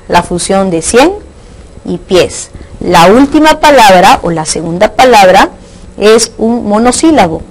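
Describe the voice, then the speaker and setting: A woman's voice: mid-range voice, rough recording. Patient Peruvian woman teaching Spanish grammar. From Peru. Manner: patient, asks rhetorical questions and checks in with "¿no?" and "¿ya?". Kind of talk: online lesson on Spanish accent marks.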